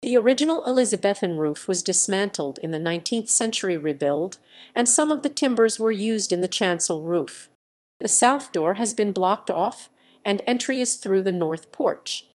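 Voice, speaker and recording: A woman reading an encyclopedia article aloud in an even narration, reading symbols and captions out literally. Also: mid-range voice, normal speed. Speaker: article reader.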